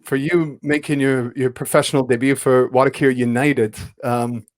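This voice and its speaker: A man's voice: mid-range voice, flat delivery, normal speed. A man hosting a casual podcast interview, asking long winding questions full of restarts. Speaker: podcast host and club announcer.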